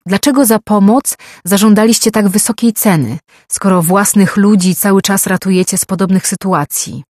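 An earnest young male envoy pleads and argues his case in an audiobook, as a reader puts him on. His voice sits a little higher than the narration. The sound is dry and close. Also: normal speed, a little mellow, no room sound, close to an everyday voice. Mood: accusing. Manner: pleading, argumentative.

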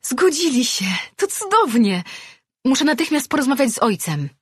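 A woman's voice: mid-range voice, expressive, a little slow, husky, dry recording, studio quality, pitched above the performer's own voice. A woman reading an audiobook, voicing a young princess who is eager and easily flustered. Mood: overjoyed.

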